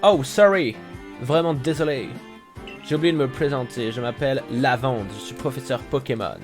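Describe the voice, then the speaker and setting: Man voicing a fussy, excitable professor. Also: brisk, music in the background, lightly acted. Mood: apologetic. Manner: exclamatory, high-pitched put-on voice. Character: excitable male Pokémon professor, fussy and chatty.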